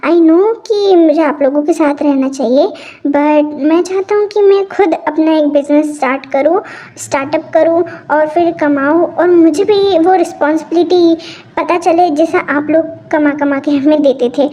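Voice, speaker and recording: Woman doing a teasing young husband, high. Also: moderate pace, warm tone, natural voice. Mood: earnest. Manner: teasing, coaxing. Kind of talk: amateur fan audio drama.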